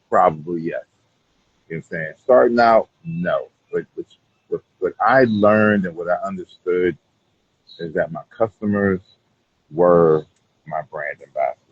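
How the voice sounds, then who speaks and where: Deep, husky man chatting casually. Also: a little slow, dry recording, dull audio. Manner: rambling, repeats "you know what I'm saying". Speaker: cigar brand owner being interviewed. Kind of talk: casual conversational interview.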